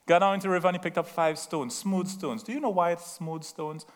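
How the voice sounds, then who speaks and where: His voice runs fairly high and steady, a touch fast, as this middle-aged Trinidadian man delivers a chatty sermon. Between stories and asides he laughs at himself and throws "right?" out to the congregation.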